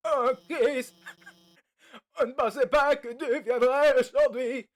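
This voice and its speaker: A man doing high-pitched schoolroom character voices. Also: fairly even intonation, slow pace. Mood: animated.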